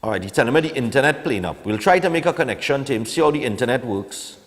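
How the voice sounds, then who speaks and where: A fast-talking, animated man with a mid-range voice hosts a live morning TV show. He's in his forties with a Trinidadian accent, and he reviews the papers and chats casually, voicing strong opinions peppered with "eh" and "you know." The recording carries a long reverb like a hall.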